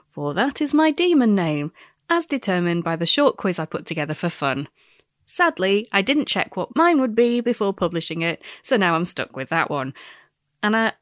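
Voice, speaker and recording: This podcast host is a woman with a medium-pitched voice, recorded in studio quality with no echo. In a scripted monologue, she tells stories with wry self-mockery while her nose is still stuffed up from a recent illness.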